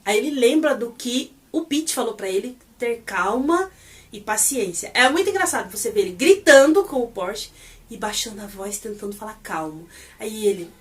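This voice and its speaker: A woman recapping a TV episode in a casual, animated way, acting out the characters' lines as she goes. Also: a little high, normal speed, distant mic. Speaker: series reviewer.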